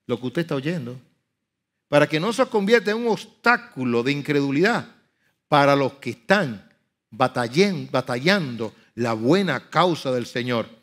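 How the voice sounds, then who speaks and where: High, bright-voiced man preaching with fire. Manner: swings from soft murmurs to loud, high-pitched outbursts; acts out biblical speech with dramatic emphasis. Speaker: pastor. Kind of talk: sermon.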